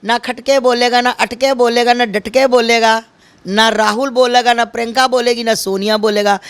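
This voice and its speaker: Woman, interviewee, fiery and emphatic, repeats slogans, gravelly voice. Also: fairly high pitch, steady tone, moderate pace. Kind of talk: impassioned street interview.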